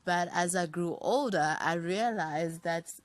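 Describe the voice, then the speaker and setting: In an easygoing interview, a thirty-something writer and producer from Zambia recalls growing up. She has a lowish voice and an unhurried, thoughtful delivery, listing names in long runs.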